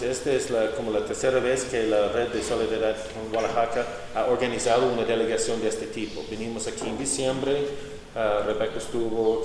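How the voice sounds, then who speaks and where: A man leading a visiting delegation, interpreting between speakers and often pausing with "uh". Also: mid-range voice. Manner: hesitant, fills pauses with uh. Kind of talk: interpreting between English and Spanish. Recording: echoey hall, noisy.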